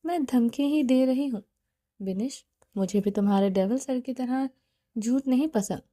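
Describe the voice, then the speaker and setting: A woman's voice: fairly high pitch, mellow, no room sound, studio quality, natural voice. A woman reading the part of an insistent young wife who presses hard with questions, firmly.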